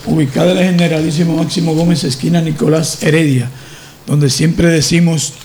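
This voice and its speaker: A Dominican man runs the sports segment of a talk show. He talks animatedly with a high, gravelly voice and hammers his points by repeating them. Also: flat delivery, a little fast, a little mellow, a little hiss or hum. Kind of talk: radio talk show chat.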